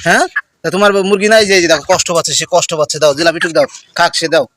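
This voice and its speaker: A man's voice: a little high, fairly even intonation, fast talker, fairly bright tone, no room sound. A man teasing a child and talking to viewers in a playful family vlog. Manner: teasing, addresses viewers directly. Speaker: vlogger filming a child.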